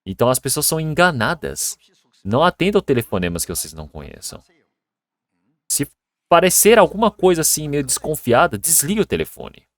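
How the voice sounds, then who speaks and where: A male pastor preaching a Sunday sermon in an earnest way that grows lively when he tells everyday stories. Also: on the high side, brisk, dry recording.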